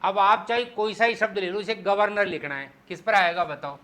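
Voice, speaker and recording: A man teaching Hindi spelling in an exam-prep lecture, explaining step by step and slowing down to spell out syllables. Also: sits high, sharp tone. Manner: explains step by step, asks the class "clear?".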